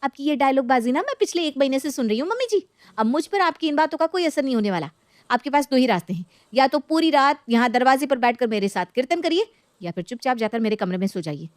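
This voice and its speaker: A woman playing a stubborn shrill daughter-in-law. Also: sing-song, fast, no echo. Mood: indignant. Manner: indignant, shrill complaining.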